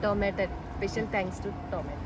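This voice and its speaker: A woman's voice: mid-range voice, moderate pace. A woman with a Kerala Malayali accent chatting casually as a travel vlogger, mixing English words into her Malayalam. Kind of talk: casual travel vlog chat. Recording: very noisy outdoor vlog, vehicle sounds. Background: loud ambient and vehicle noise.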